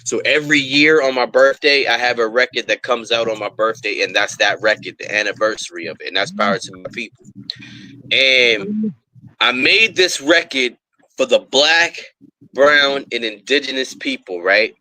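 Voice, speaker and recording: Bright-voiced rapper telling stories. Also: male voice, mid-range voice, normal speed, no echo, poor audio. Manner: rambling storyteller with many fillers. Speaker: rapper and guest. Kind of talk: casual interview chat.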